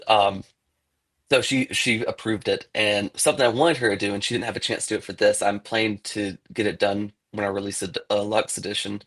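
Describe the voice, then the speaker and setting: A man's voice: on the low side, gravelly, a bit bright. A man, an author, talking casually in an interview about his book, rambling with many fillers.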